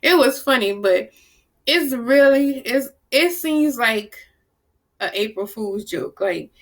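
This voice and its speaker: Animated New woman telling stories. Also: a little high, slow pace. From New Orleans, US South. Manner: animated storyteller, acts out quoted people, blunt and salty. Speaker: vlogger. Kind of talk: casual chat to camera.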